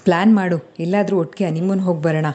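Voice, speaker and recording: A woman's voice: on the low side, fairly even intonation, fast, dark tone, muffled recording, lightly acted. A woman voicing a playful, teasing young man about to be married, in a storybook reading.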